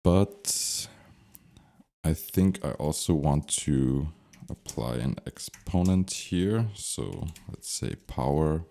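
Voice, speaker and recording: A man with a rumbling low voice and vocal fry gives an unscripted software tutorial, thinking aloud step by step as he instructs.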